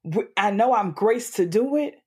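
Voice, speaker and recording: A woman's voice: medium pitch, expressive, normal speed, warm tone, husky. A woman guest speaking earnestly, building to a preacherly cadence as she talks about faith. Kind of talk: candid faith-based interview talk.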